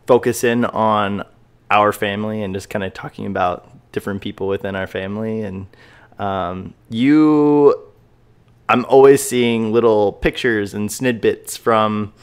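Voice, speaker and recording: A man's voice: on the low side, clean tone. A man hosting a casual podcast interview, upbeat and enthusiastic, with frequent fillers. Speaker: podcast host.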